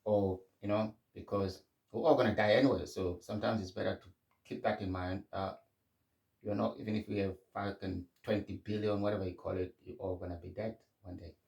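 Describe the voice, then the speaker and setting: A man's voice: on the low side, steady tone, a little fast, vocal fry, darkish tone, echoey room, distant mic. A middle-aged man from Zimbabwe hosting a podcast, talking candidly in a reflective solo monologue. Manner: candid and conversational, frequent restarts. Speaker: podcast host.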